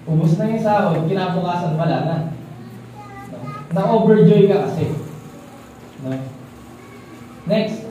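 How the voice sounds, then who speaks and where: Man, church teacher, chatty sermon, high and mellow voice, distant mic, roomy reverb with faint ambience. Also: slight background noise. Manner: keeps asking listeners for agreement, relaxed and chatty. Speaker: church leader teaching a congregation. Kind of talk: conversational sermon. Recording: echoey, distant mic in a hall.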